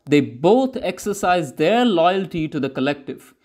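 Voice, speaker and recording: Narrating a scripted newsreel documentary, a man with a high voice makes measured pronouncements much like official propaganda. His pitch moves in large swings, and the tone is a bit mellow.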